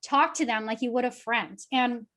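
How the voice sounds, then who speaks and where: A woman's voice: on the high side, fairly even intonation, moderate pace, a bit bright. A young adult woman, a guest social media coach, giving upbeat, chatty webinar advice with lots of fillers.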